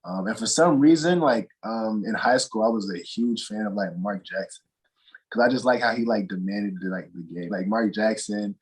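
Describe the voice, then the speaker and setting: A young man from North Carolina with a deep, husky voice answers interview questions at an easy, meandering pace. He talks casually and often pauses on fillers before circling back to finish his thought. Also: low-quality recording. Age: young adult. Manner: relaxed, rambling, with many fillers and restarts. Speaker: guest, college basketball player.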